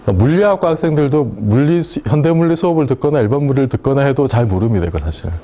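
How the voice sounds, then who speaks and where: A man teaching a university class, talking casually and often asking his students questions. His pitch rises and falls a lot, and his voice has a mellow tone. Faint room noise sits under the recording of the lecture hall. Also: animated, rapid-fire. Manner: chatty, asks the class questions and laughs at his own points.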